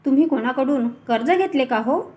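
A woman's voice: high-pitched, lively intonation, normal speed, a little mellow. A woman voicing a caring young wife who talks in an eager, questioning way. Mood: curious.

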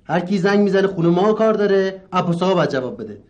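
A man's voice: high voice, animated, darkish tone, highs cut off. A young man acting an exasperated student roommate in a TV comedy drama, scolding a friend. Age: young adult.

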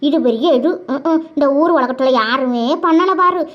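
A woman's voice: high voice, natural voice. Cartoon village aunt, sarcastic and nagging, voiced by a woman, dull lo-fi sound. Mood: scornful. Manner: nagging, sarcastic, drawn-out complaints. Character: sharp-tongued gossiping middle-aged village aunt. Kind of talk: cartoon voice acting. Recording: dull lo-fi recording.

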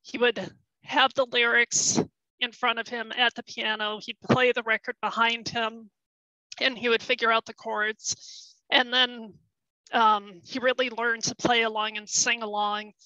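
In a webinar recorded at home on a headset, a middle-aged woman presents historical research, explaining carefully but with lots of ums and small restarts. Her bright, slightly high voice is starting to give out and barely moves in pitch as she goes at an unhurried pace. The sound is close and dry, with no room sound and the highs cut off.

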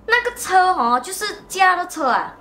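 High-voiced lady telling a story, acts out noises, casual chat. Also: normal speed, faint music behind. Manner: animated, acts out sounds and motions. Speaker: host.

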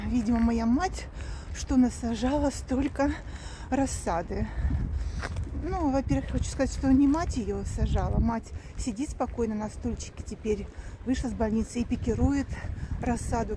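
Woman, 50s, chatty vlogger speaking to camera outdoors, phone at arm's length, fairly high voice, noisy outdoor recording. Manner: chatty, talks straight to viewers, earnest. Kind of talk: casual walking vlog. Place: outdoors, street and cemetery.

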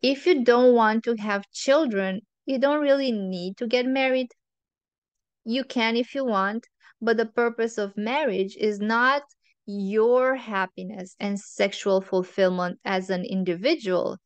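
A woman hosts an advice monologue, earnest and opinionated, working through her points one by one. Her voice sits a little high and sounds smooth and clean. She speaks slowly, recorded close and dry with no room sound. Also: fairly even intonation, no room sound. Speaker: relationship advice host.

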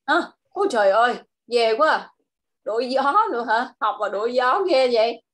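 A woman with a Vietnamese accent tutoring a child in English over a video call, drawing out model phrases slowly and explaining in Vietnamese. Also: on the high side, lively intonation, a bit bright. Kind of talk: online English lesson for a child.

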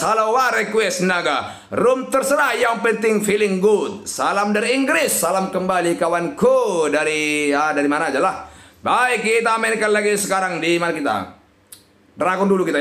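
A young man giving excitable live commentary on a slot game, scolding the machine and shouting often. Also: high voice, gravelly. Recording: echoey room.

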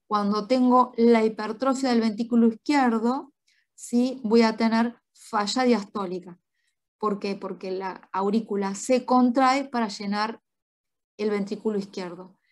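A woman doctor giving a spoken medical lecture, explaining step by step and checking in with quick tag questions. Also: a little high.

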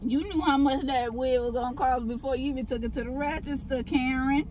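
A woman's voice: high-pitched, steady tone, brisk. A woman vlogger chatting casually in a parked car with her mouth full of fries, sassy and blunt. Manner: sassy, blunt, talks while eating. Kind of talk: casual car mukbang chat. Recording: noisy car interior.

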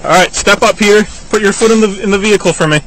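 A male police officer talks quickly in a slightly high voice, patiently repeating instructions. It sounds like bodycam audio with faint noise outdoors. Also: fairly bright tone, poor audio. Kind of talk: giving procedural instructions. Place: outdoors at night by police cars. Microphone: body camera.

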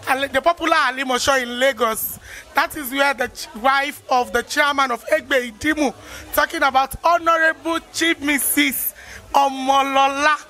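A Nigerian woman presenting live from a busy event, excited and gushing with praise as she interviews guests. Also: high-pitched, normal speed. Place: busy salon during a launch event.

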